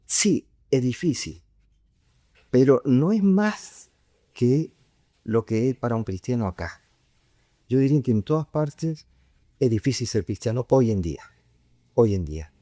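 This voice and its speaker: A man's voice: mid-range voice, dark tone, no echo, studio quality. A man, a priest giving an informal retreat talk in a conversational way that often ends on a questioning tag. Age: 50s.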